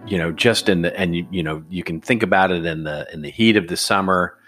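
A very deep-voiced man with a Texan accent talks casually on a podcast, wandering through his thoughts with plenty of ums and restarts. Faint guitar music plays underneath. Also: fairly quick, a bit bright. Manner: rambling, hesitant with many fillers. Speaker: regular guest, strategy advisor.

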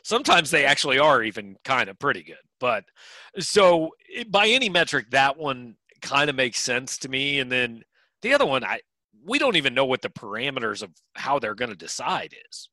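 A man's voice: medium pitch, sing-song, moderate pace, bright, forceful tone, dry recording, poor audio. A man co-hosting a sports podcast in casual chat, with dry, wry humor and frequent restarts.

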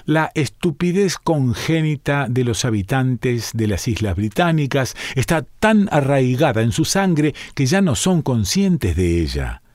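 A man's voice: medium pitch, very animated, unhurried, few pauses, a little mellow, no room sound, clean studio sound. A man voicing a haughty, condescending male mystic who calls himself an initiate, in a read-aloud story. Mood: scornful. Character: scornful aloof male mystic, self-styled initiate. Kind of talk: audiobook reading.

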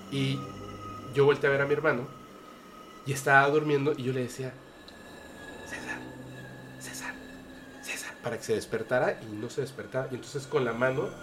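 Man, Mexican Spanish accent, earnest hesitant storytelling, mid-pitched voice, faint room ambience. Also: fast talker, background noise. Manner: earnest, hesitant with frequent fillers and restarts. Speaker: podcast guest. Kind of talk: casual storytelling.

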